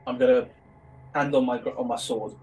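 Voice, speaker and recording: A man's voice: medium pitch, very animated, fairly quick, a little mellow, faint music behind, low-quality recording. A man playing a tabletop role-playing game, describing his character's actions step by step. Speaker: player.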